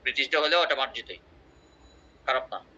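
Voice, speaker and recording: A man's voice: mid-range voice, lively intonation, a little fast, bright, forceful tone, a little hiss or hum. A man teaching an English class, explaining with examples and quizzing his students. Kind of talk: online class lecture. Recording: muffled lo-fi audio.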